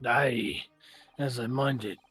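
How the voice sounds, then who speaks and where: A gruff, guarded chief warder with a thick put-on Scottish accent, as a man reads him aloud over a game. He talks slowly in clipped dialect phrases, with a slightly husky tone. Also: mid-range voice, fairly bright tone, faint music behind.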